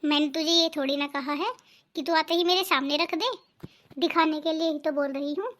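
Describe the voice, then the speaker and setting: A woman voicing a very high-pitched scolding mother-in-law. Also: normal speed, fairly bright tone. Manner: scolding, sarcastic. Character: nagging, greedy middle-aged mother-in-law. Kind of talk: cartoon family drama voice-over.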